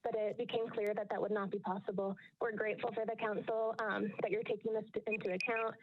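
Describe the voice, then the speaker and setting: A woman calling in over a phone line, reading a prepared statement in a steady, measured way. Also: mid-range voice, noisy background. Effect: heard over a phone line. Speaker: caller giving public comment. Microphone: telephone. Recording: tinny, clipped phone line.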